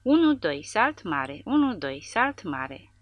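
A woman voicing a fat, cruel middle-aged male army captain who mocks and barks orders in a croaking voice, in an audiobook. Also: low voice, expressive, no room sound, muffled recording. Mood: barking. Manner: croaking, mocking, barking orders.

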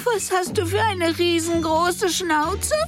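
Woman putting on a shrill, rude little girl, squeaky and scolding, storybook reading over music. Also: slow. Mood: mocking. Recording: music underneath.

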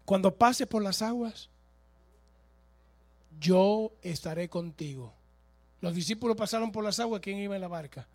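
Gravelly high-voiced preacher man. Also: a little slow, pauses often, dry recording. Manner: swings from hushed asides to shouted exclamations, joking, laughing. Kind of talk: lively sermon. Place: church.

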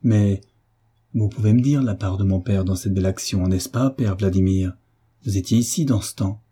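A man voicing an enthusiastic eighteen-year-old son who talks eagerly and warmly in an audiobook reading. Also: fairly low pitch, moderate pace, breathy edge. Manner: eager, animated.

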